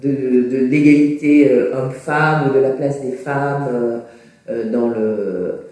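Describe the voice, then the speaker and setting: A man's voice: mid-range voice, steady tone, takes it slowly, a little mellow. A man giving a political analysis in an interview, with many fillers and restarts. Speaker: political commentator. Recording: echoey, distant from mic.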